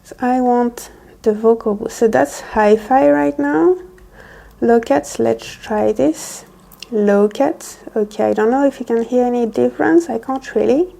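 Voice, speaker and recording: A woman's voice: fairly high pitch, measured pace, creaky, mellow. A woman doing a casual, chatty ASMR unboxing and product review, thinking aloud as she tests the gear. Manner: rambling, thinking aloud while testing gear. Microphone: close wireless lavalier microphone being tested.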